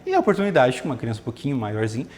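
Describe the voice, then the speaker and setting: A man's voice: medium pitch, huge pitch swings, racing, darkish tone, big-room sound. A man, a nutritionist guest, explaining feeding ideas in a casual interview, often ending phrases with a questioning tag. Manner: explanatory, frequent "né?" tags. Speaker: maternal and child nutritionist guest.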